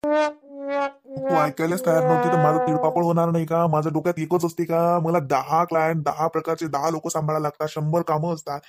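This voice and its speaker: A man's voice: on the high side, music in the background, natural voice. A man voicing a scolding cartoon husband. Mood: angry. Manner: nagging, lecturing, rapid scolding. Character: scolding husband Ravi, grown man, short-tempered. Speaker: voice actor. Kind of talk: cartoon voice acting.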